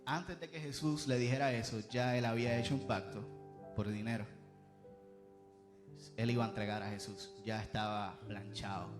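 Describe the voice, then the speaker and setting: Guy preaching to a youth service, punchy then hushed, light music under him. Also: mid-range voice, moderate pace, long pauses. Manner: animated, swings between loud emphasis and soft asides. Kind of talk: sermon. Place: church service.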